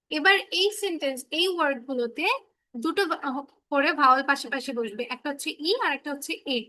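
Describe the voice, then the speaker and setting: A woman with a high, pushed, bright voice teaches English phonics to children in an online class, heard through a laptop microphone on a video call. She patiently checks that each pupil understands and affectionately calls the children "baba".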